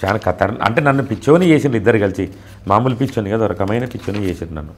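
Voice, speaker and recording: A man's voice: on the low side, lively intonation. A man in an interview recounting events at length, insistent and repetitive, often quoting what others said. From Telugu-speaking India. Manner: fast, insistent, repeats points and quotes others. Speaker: interviewee making allegations.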